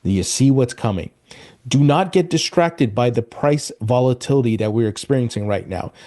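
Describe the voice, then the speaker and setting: A man's voice: medium pitch, lively intonation, moderate pace, warm tone. A man hosting a crypto news show, talking casually and upbeat to his viewers and often calling them "guys". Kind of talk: casual commentary to camera.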